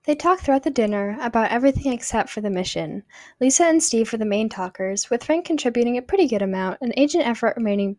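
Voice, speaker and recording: A woman's voice: a little high, animated, fast talker, darkish tone, no room sound. Woman narrating a story podcast, dry sound.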